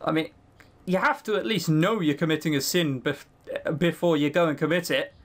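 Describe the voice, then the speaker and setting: Speaking at a medium pitch and ordinary speed, a voice actor gives a lightly acted, musing turn as an ancient fiend held inside a circle for centuries. The first-person audio roleplay has the creature mocking and brooding, then erupting in anguished outbursts.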